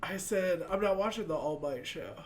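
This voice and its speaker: Stuffed up after crying, a young man rambles through a casual, emotional anime reaction, leaning heavily on the word "like." His high-pitched voice has lively intonation and a moderate pace. He's in a small home room with shelves of figures, with slight background noise.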